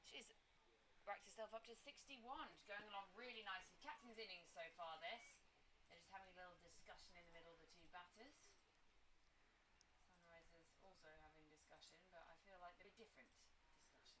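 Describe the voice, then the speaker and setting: A woman commentating live on a cricket match from a marquee, relaxed and chatty, wandering into side stories between balls. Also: lowish voice, brisk. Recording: distant mic with background noise.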